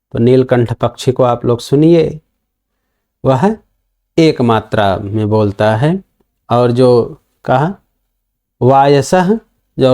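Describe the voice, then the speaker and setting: A man's voice: mid-range voice, mellow. A man teaching a recorded online class, patiently explaining each verse line by line. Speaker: Sanskrit grammar teacher.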